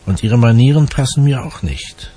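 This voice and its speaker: A man's voice: mid-range voice, expressive, mellow, husky, pitched above the performer's own voice. A man voicing a haughty, spoiled wealthy young woman who sneers and snaps, read as part of a dramatized audiobook. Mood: sharp. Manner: languid, sneering, quick to snap.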